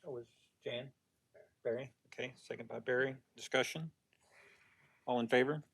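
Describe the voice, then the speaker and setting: Gravelly-voiced man chairing a meeting. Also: mid-range voice, fairly even intonation, fairly bright tone. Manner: brisk procedural, leads prayer and votes. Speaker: committee chairman.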